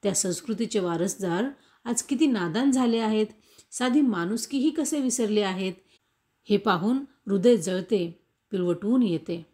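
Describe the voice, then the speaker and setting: A woman reading a classic story aloud, with measured, expressive storytelling. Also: mid-range voice, slightly rough. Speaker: audiobook reader.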